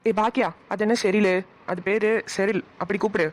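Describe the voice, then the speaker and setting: A woman's voice: mid-range voice, fairly even intonation, fairly quick, lightly acted. A woman voicing a bashful, fussy young village man in a cartoon, stammering with a Kanyakumari Tamil accent. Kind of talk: cartoon voice acting.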